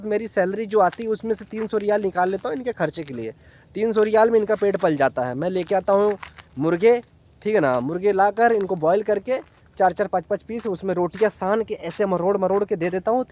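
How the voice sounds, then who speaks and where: A man from India, vlogging outdoors in a playful, affectionate way while coaxing and teasing his dogs. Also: high voice. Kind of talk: casual vlog talk.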